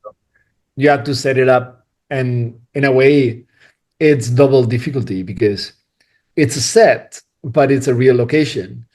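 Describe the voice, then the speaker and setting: A cinematographer from Spain, whose first language is Spanish, chats casually in a podcast interview, rambling, restarting often and laughing frequently. His voice is medium-pitched and a little mellow, with a measured pace.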